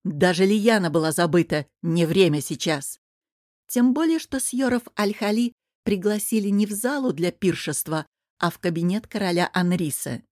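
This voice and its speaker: A woman narrates a fantasy novel in a steady, expressive way. Her voice sits slightly low, and the recording is dry and close. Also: normal speed, dry recording. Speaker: audiobook narrator.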